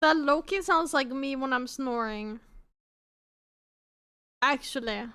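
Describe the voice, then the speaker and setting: A woman streamer chatting casually as she reacts to clips, giggly and excitable. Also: high-pitched, takes it slowly, clean tone. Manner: giggly and excitable, tells stories. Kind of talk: casual chat.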